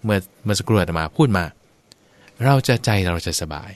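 A man's voice: lowish voice, brisk, dry recording. A man, a Buddhist monk, patiently explaining teachings in a radio Dharma talk. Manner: calm, patient explaining, acts out quoted people.

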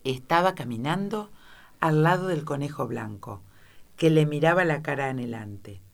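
A woman narrating a children's classic as an audiobook, with expressive storytelling. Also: low-pitched, normal speed, vocal fry. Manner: expressive storytelling, shifting into character voices. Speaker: audiobook reader.

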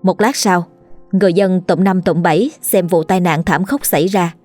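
A woman narrating a scripted ghost story in a steady, measured way. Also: lowish voice, faint music behind.

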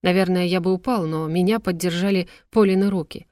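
A woman narrating an audiobook story with steady storytelling. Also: fairly low pitch, fairly quick, dry recording, studio quality. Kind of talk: scripted narration.

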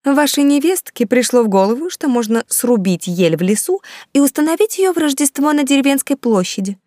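A woman's voice: lively intonation, brisk, a little mellow, no room sound, studio quality. A woman reading the part of a scheming, fawning noble baroness who talks in a raised, indignant voice. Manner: indignant, high and agitated.

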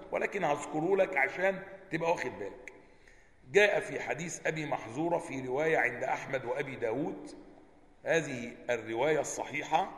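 A man with an Egyptian Arabic accent teaches a religious lesson. He reads a classical text, explains it with questions to his students, and chants lines of the call to prayer to show how they sound. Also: mid-range voice. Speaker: sheikh teaching a hadith book. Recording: echoey hall with long reverb.

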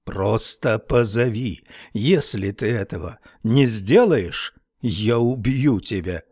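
A man voicing an armed, cruel man who threatens a child, speaking slowly and menacingly. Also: lowish voice, a little mellow, dry recording, studio quality.

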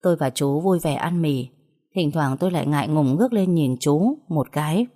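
Woman, first-person story narration, soft earnest reading, lowish voice. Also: expressive, normal speed.

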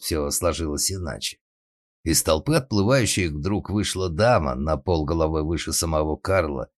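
A man narrating a comic story in a deadpan, ironic storytelling manner. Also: sits low, no echo, studio quality.

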